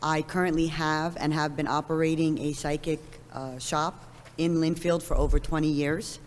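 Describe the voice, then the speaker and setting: A hoarse woman applying for a license, speaking plainly and a little apologetically. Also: deep voice, little pitch movement, normal speed. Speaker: license applicant. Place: town hall auditorium podium. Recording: long reverb, faint room noise.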